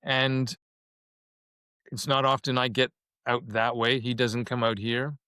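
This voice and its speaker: A man's voice: medium pitch, level tone, unhurried, sharp tone, smooth, no room sound, clean studio sound. A man in his fifties from Canada, talking reflectively as a podcast guest and often repeating a word as he starts a thought. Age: 50s. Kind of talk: casual conversation.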